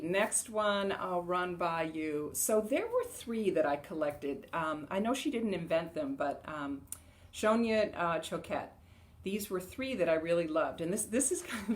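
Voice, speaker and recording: Lower-voiced woman teaching breathing. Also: slight background noise. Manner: chatty, laughs often, loud rhythmic "ha" shouts during exercises. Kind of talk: casual instructional talk to camera.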